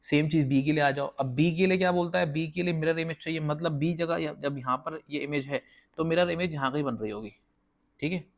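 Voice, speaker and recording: A man's voice: a little high, creaky. A man teaching a casual whiteboard math lesson, explaining step by step and often checking that viewers follow. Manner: counts slowly while drawing.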